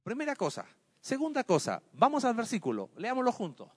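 A man's voice: very high-pitched, wildly swooping pitch, fairly quick, slightly rough, big-room sound. A man teaching a Bible study lesson. He asks his listeners questions, answers them himself and explains with everyday examples.

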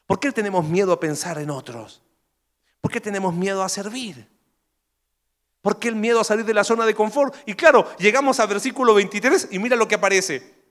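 A man preaching a sermon with animated delivery, asking rhetorical questions and acting out quoted voices. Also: sits high.

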